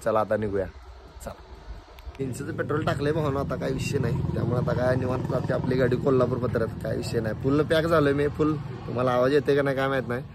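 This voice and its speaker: A young man, vlogging in a casual, chatty way and teasing with gentle coaxing, first at home and then outdoors on the road. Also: medium pitch, fairly even intonation, quick pace, very noisy. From Kolhapur region, India. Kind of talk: casual vlog talk to camera.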